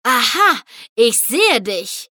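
A woman voicing a brash, boastful young female pegasus pony in a storybook reading, calling out boldly and loudly. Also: fairly high pitch, big pitch swings, takes it slowly, no echo, clean studio sound, heavily acted. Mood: triumphant. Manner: bold, loud, challenging.

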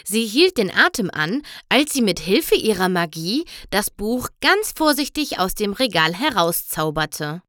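Slow, expressive female storybook reader with a lively, high-leaning voice. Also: dry recording. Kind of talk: storybook narration.

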